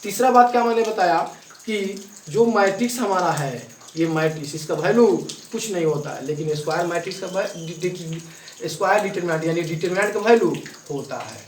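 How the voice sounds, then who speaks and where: A man's voice: high voice, animated, recorded from a distance, slight background noise. A male maths teacher explains a lesson step by step, often checking in with his students. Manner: repeats check-ins to students, spells out steps slowly. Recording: echoey room, voice from off the mic.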